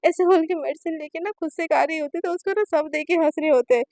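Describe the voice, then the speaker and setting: A woman with a very high voice tells a story in a chatty, expressive way, dropping casual fillers as she goes. The sound is dry and close, with no room around it. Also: fast talker, no echo. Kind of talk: casual spoken story narration.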